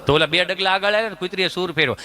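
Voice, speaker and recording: Comic storyteller: man, Saurashtra Gujarati accent, rustic and teasing, high bright voice. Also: rapid-fire, no echo. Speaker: stand-up comedian, storyteller.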